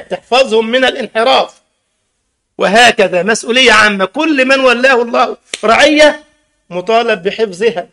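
High, gravelly-voiced Egyptian preacher. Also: male voice. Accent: Egyptian Arabic. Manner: lively, rhetorical questions, teasing the congregation. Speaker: imam preacher. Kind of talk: mosque sermon.

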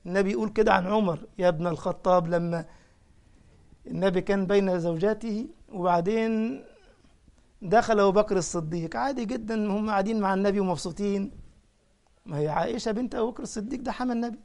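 A man's voice: sits high, fast talker, gravelly, a little mellow. A man with an Egyptian accent preaching a sermon as a sheikh, telling stories with animation and putting questions to his listeners. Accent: Egyptian Arabic.

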